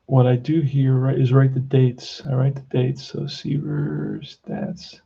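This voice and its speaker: Man, 60s, Queens accent, very dark relaxed tone with fry, blunt hobbyist chat, slightly dull recording. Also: medium pitch, slow pace. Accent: Queens, New York. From Queens, New York. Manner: blunt, plain-spoken, addresses listener as "man". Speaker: tabletop baseball hobbyist giving a tutorial. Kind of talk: casual off-the-cuff tutorial chat.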